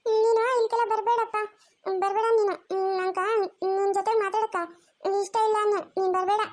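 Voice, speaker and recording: A woman's voice: very high-pitched, level tone, fairly quick, a little mellow. A woman voicing a stubborn young girl who insists and repeats herself in a cartoon story. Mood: defiant. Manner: insistent, repetitive. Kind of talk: cartoon voice acting.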